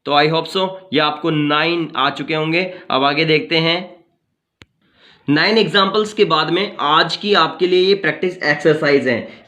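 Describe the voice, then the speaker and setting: A man teaches phonetics in a bright, forceful voice that sits a little high for a man. He explains step by step, repeats practice words for drilling and drops in English phrases. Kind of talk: phonetics lesson.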